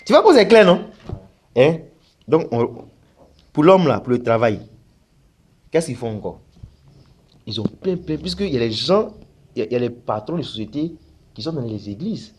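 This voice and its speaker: Animated man explaining in casual chat. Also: medium pitch, normal speed, pauses often, breathy edge. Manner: animated, rhetorical questions. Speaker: spiritual teacher.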